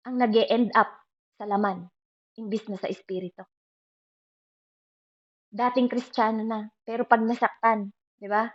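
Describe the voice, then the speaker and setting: Woman preacher, sermon, mixes Filipino and English, fairly high voice, slightly muffled lo-fi sound. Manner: speaks in Filipino mixed with English phrases, asking the listeners for agreement often.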